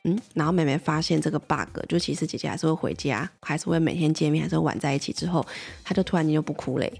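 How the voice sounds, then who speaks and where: A woman's voice: deep voice, fast, creaky, a little mellow, slightly rough, soft background music. A woman, a mother chattily telling a parenting story and asking the listener questions. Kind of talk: casual personal storytelling.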